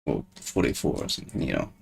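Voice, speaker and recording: A man streaming a game alone, rambling in casual commentary and laughing at himself often. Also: quick pace. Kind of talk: casual solo gameplay commentary.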